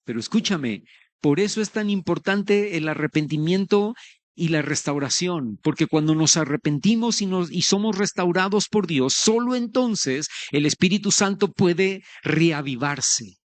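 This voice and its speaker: A man's voice: high voice, measured pace, no room sound. A man preaching a sermon as pastor, earnest and conversational, speaking straight to his listeners.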